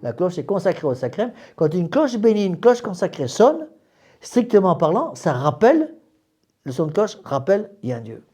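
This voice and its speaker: A man's voice: sits high, very animated, normal speed, warm tone, breathy edge. A man, a priest, giving a doctrinal class to a small group in an emphatic way, often repeating words and restarting phrases.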